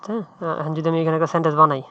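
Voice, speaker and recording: A man's voice: a little high, very fast. A man tutoring English in a chatty, informal way, often checking in with "right?". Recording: muffled dry lo-fi mic.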